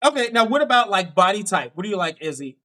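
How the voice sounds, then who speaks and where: On a live dating show, the host, a dating coach, runs the interview with a rapid string of cheerful questions and constant affirmations. He is a man with a high, bright voice and a Pittsburgh accent.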